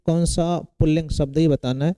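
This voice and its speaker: Male tutor, very dark and smooth voice, drills exam questions with repeated check-ins. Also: a little high, fairly even intonation, moderate pace, no room sound, rough recording. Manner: asks and answers his own questions, repeats key terms. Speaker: Hindi grammar teacher. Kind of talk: exam-prep lecture.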